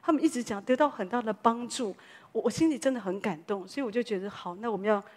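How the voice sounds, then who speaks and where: A woman pastor, preaching a sermon as a lively story full of exclamations. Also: fairly high pitch, fast.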